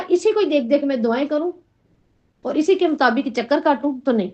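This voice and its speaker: A middle-aged woman teaching a Quran lesson to a class, often asking questions and checking in with "right?". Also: sits high. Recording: dull lo-fi recording.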